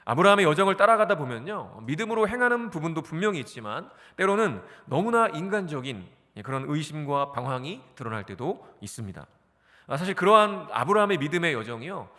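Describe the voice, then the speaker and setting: Male pastor, forties, animated sermon, bright tone, church hall reverb. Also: a little high. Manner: animated, asks the congregation questions and answers them. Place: church sanctuary.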